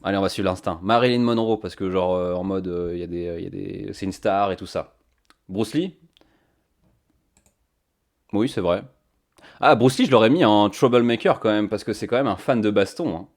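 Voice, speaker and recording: A man's voice: fairly low pitch, normal speed, pauses often. Chatty man thinking aloud on stream. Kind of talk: casual live-stream chat. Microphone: cheap microphone.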